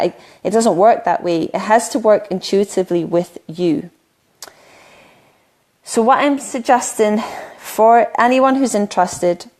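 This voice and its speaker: Her voice lowish and darkish, a little croaky after long talking, a middle-aged UK spiritual coach addresses her solo live stream earnestly while stumbling through many ums and restarts.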